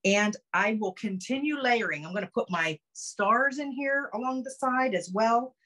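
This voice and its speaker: Filmed close up on a phone camera, a middle-aged woman gives a chatty, upbeat video-call cooking demo from her home kitchen, talking through each step. Her voice is fairly high with a sharp tone, and her pace is moderate.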